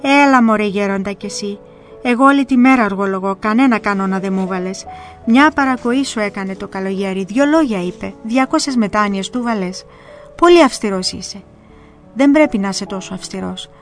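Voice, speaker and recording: A soft-hearted old monk coaxes and pleads in a raised, earnest voice, as a woman narrator puts him on. He speaks as an old man begging another for leniency, heard in a spoken storybook reading over faint music. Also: medium pitch, lightly acted. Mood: coaxing. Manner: coaxing, pleading on another's behalf.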